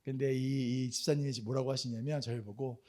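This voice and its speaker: A man in his thirties preaching a sermon as a church pastor, asking the congregation questions and answering them himself, swinging from loud exclamations to quiet asides. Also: mid-range voice, fairly even intonation, quick pace. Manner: tells stories with laughter. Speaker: senior pastor. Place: church hall.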